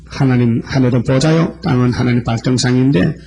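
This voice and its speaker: A man's voice: medium pitch, a little fast, creaky, a little mellow, slightly rough. A man preaching a sermon, reading scripture verses aloud and explaining them one by one. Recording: old lo-fi church sermon tape.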